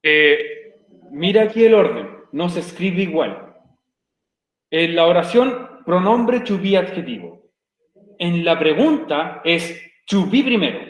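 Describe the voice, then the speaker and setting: A man's voice: fairly high pitch, animated, takes it slowly. A male teacher explaining grammar patiently in an online class, repeating each step. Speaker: English teacher. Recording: echoey room.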